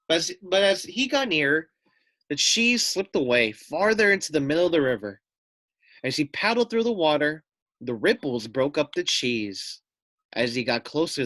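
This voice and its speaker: A teacher reads a children's story aloud to first graders, adding chatty asides and questions for his young listeners. His voice is on the high side with a fairly bright tone, in a dry recording.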